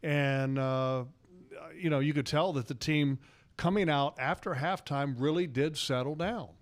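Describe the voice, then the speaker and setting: A man's voice: fairly high pitch, unhurried. A man giving casual sports commentary as a radio analyst, with repeated words and emphatic asides.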